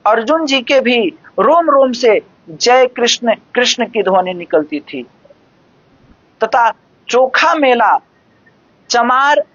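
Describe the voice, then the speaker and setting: Slow, measured devotional discourse voice. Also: medium pitch, animated, fairly bright tone, no room sound. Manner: measured, explanatory, recites verses slowly. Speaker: devotional scripture expounder. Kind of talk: devotional discourse explaining scripture. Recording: dull lo-fi dry recording.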